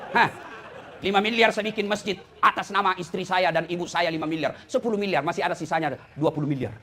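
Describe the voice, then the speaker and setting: A man preaching a humorous sermon, teasing his listeners and often addressing them as "Pak". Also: high voice. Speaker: preacher and lecturer.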